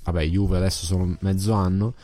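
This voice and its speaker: Fast-talking man with a mellow low voice. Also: level tone, no room sound, faint music behind. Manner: colloquial, informal. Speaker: podcast co-host. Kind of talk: casual football podcast chat.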